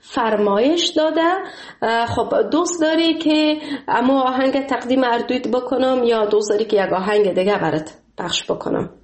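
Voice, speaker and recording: A woman with an Afghan Dari accent hosting a radio call-in show, courteous and full of praise for her callers. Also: fairly high pitch. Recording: echoey studio sound.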